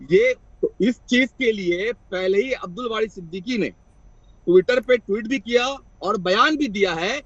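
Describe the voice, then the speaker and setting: High-voiced man over a patchy remote line. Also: a little slow, a bit bright, breathy edge, no echo. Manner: defensive, repeats himself, talks over the host. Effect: heard over a patchy remote line. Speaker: party spokesperson on a TV debate. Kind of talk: heated TV debate, joining remotely. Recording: dull lo-fi remote call audio.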